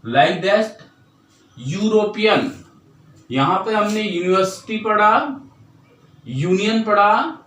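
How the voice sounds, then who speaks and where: A male teacher with an Indian accent gives a grammar lesson in a fairly high voice, taking it slow. He stretches out example words and asks questions that he answers himself. He sits back from the mic in a roomy, echoing space. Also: lively intonation, fairly bright tone, recorded from a distance. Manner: explains step by step, poses questions then answers them; drawls example words slowly.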